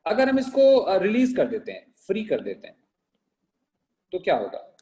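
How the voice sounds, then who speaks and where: Higher-pitched man teaching physics. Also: wildly swooping pitch, mellow. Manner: asks students questions and answers them himself; slowly dictates English sentences for notes. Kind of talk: classroom lecture.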